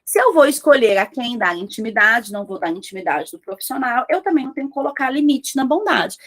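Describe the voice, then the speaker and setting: Lady coaching business owners, kinda high voice, punchy, keeps asking the room questions. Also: sing-song, fast, a bit bright. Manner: emphatic, asks rhetorical questions, acts out listeners' questions. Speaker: business mentor. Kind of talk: motivational talk to entrepreneurs.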